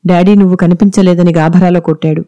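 A woman's voice: steady tone, fast, no echo, lo-fi sound, close to an everyday voice. A woman voicing a distraught young mother who cries and scolds sharply. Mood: tender. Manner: tearful, sharp and shrill when scolding.

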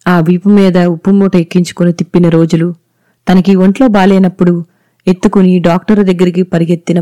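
A narrator reading a story aloud in a measured, even storytelling manner. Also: medium pitch. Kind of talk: scripted audiobook narration.

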